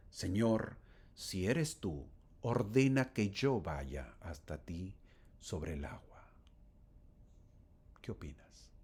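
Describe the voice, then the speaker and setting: A man teaching a scripture lesson in a lively, swooping voice with a husky edge. He talks straight to the listener as a friend and keeps posing rhetorical questions. His voice sits fairly low. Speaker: gospel teacher.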